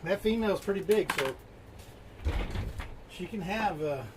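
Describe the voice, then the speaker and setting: A man's voice: high voice, lively intonation, a little slow, noisy background. Easygoing man chatting about his fish. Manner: easygoing, explains while working on his tanks. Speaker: live-stream host showing his fish room. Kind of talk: casual live-stream chat. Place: home fish room.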